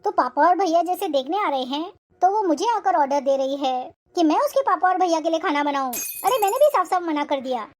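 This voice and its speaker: A woman voicing a stern, proud middle-aged mother-in-law in a cartoon, with a scolding, sharp-tongued way of talking. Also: very high voice, expressive, brisk, hardly any pauses, slight background noise. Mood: complaining.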